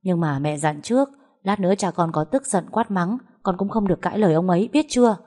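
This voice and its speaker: A woman's voice: lowish voice, brisk, warm tone, close to an everyday voice. A woman voicing a worried older mother who coaxes and soothes in an anxious, protective way.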